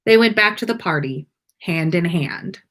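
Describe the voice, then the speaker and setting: Hosting a story livestream, a woman reads aloud and chats in a playful, informal way, mixing storytelling with casual conversation. Her fairly low voice is a bit bright, with lively intonation and a moderate pace. She's a podcast host and story reader.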